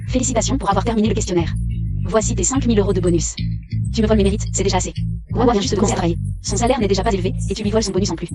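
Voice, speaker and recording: A woman's voice: medium pitch, close to an everyday voice. A woman dubbing snappy drama heroines. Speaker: dub voice actress. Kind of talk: dubbed short drama dialogue. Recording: faint music behind the voice.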